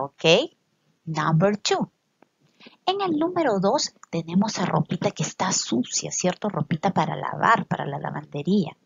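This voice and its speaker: A woman English teacher giving a bilingual lesson for children. She draws out English words slowly and explains quickly in Spanish, often checking in with the children. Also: on the low side, husky, no room sound, highs cut off.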